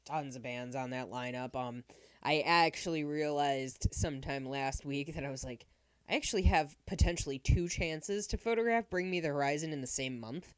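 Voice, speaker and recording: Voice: mid-range voice, normal speed, clean tone, no echo. A podcast co-host talking in casual, conversational chat.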